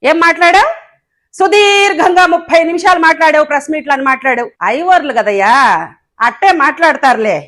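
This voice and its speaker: A woman's voice: high voice, a bit bright. A woman giving a combative press statement as a local political leader, fiery and sarcastic, scolding with rhetorical questions.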